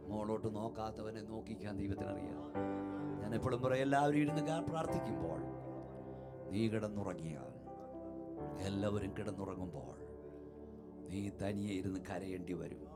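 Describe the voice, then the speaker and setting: A male pastor preaching a Pentecostal sermon in a church hall, building with repeated rhythmic phrases to shouts and sinking to hushed storytelling. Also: mid-range voice. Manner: shouts to a climax, then drops to a hushed storytelling voice.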